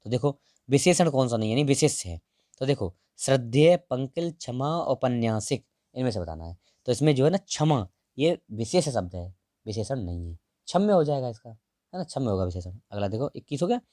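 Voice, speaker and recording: A male teacher walks through test answers in a mellow, darker voice. He repeats key words and lets his lines sink to a quiet murmur. The sound is dry and close, with no room around it. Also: very animated, a little fast, dry recording. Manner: repeats key words, drops to a low murmur at line ends. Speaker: exam-prep teacher.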